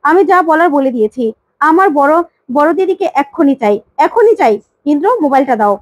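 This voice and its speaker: A woman's voice: high voice, expressive, brisk, no room sound. A woman voicing a furious imperious queen. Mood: angry. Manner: scolding, demanding. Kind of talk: storytelling of a TV serial plot.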